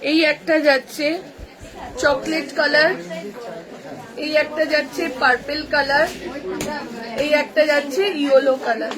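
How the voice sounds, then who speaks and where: Woman, live sales stream, high voice, busy shop chatter behind. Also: steady tone, low-quality recording. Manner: brisk repetitive sales patter, calling out colours and prices. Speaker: boutique owner selling clothes on a live stream. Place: her shop.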